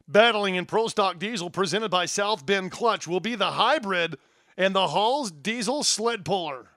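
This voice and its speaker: A man with a high, forceful voice delivers scripted tractor pull announcer introductions. Each item is punched out separately. The sound is dry and close. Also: lively intonation, unhurried, dry recording. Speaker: recap show announcer.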